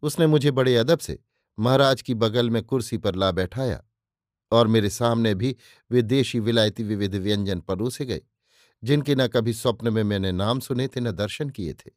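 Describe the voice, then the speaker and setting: A man narrating a literary story in the first person, reading in a measured way. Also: medium pitch, darkish tone, no echo, clean studio sound.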